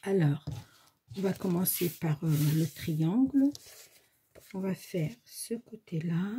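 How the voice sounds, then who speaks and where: A woman aged somewhere from her 40s to 60s, with a granddaughter, hosts a casual step-by-step paper craft tutorial from her home workshop despite a slight cold. Her voice is on the low side and dark, with lively intonation and a slow pace, over slight background noise. She chats and thinks aloud, often saying "hop" and "voilà".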